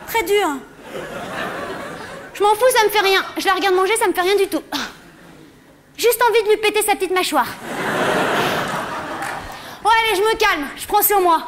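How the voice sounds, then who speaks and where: Brash high-voiced woman doing stand-up. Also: moderate pace, pauses often. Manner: brash, crude, exasperated rants. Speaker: stand-up comedian. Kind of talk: live stand-up comedy. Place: large concert hall stage. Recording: noisy live theater recording.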